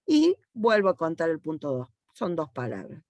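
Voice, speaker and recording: This university teacher speaks in a low, very animated, slightly mellow voice at normal speed, with an Argentine Spanish accent. Teaching online, she patiently guides students through code one step at a time and keeps asking "¿sí?" to confirm they understand. Studio quality, no room sound.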